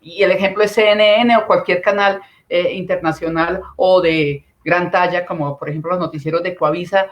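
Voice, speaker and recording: A woman with a Colombian accent, a communication consultant giving instructive explanations with examples during an online panel talk. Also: fairly low pitch. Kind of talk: panel talk on video call.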